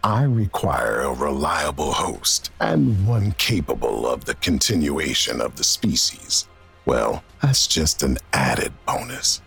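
Very deep, gravelly AI villain. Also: male voice, big pitch swings, slow pace, a bit bright, soft background music, exaggerated voice. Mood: menacing, gloating. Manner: grandiose, menacing pronouncements. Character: vengeful male rogue AI villain, menacing, boastful, contemptuous. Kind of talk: villain monologue in audio drama.

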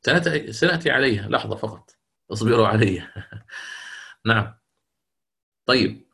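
A man teaching Quranic recitation rules in a classroom lecture, speaking deliberately and repeating his key points. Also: lowish voice, lively intonation, gravelly, fairly bright tone.

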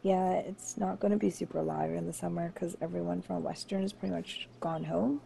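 A woman's voice: lowish voice, steady tone, a little fast, gravelly, mellow, slight background noise. A young woman hosting a casual podcast chat, bubbly and giggly, often trailing off. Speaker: podcast host.

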